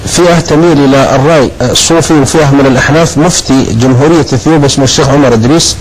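Fast-talking man telling lively stories. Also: medium pitch, husky, poor audio. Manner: animated storytelling, voices quoted people. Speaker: guest preacher. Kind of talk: anecdotal storytelling on a TV talk show.

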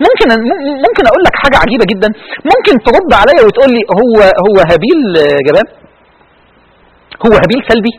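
Egyptian male preacher, very high and lively voice, impassioned and pleading sermon delivery. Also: racing, pauses often, slightly rough, poor audio. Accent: Egyptian Arabic. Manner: impassioned, pleading, voice breaking with emotion.

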